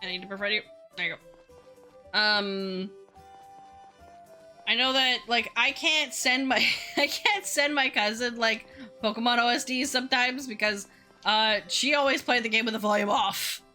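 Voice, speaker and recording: A young woman streaming a game in casual chat, her voice worn and hoarse, reading chat aloud and swearing now and then. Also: a little high, normal speed, sharp tone, faint music behind.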